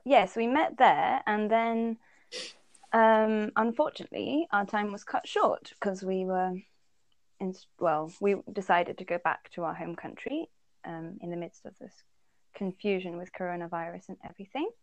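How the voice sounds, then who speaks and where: A woman's voice: mid-range voice, normal speed, dry recording. A woman from the Netherlands chats casually as a podcast co-host. She laughs often and thinks aloud, with plenty of ums along the way. Her voice sits close and dry, with no room sound around it. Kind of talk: casual chat.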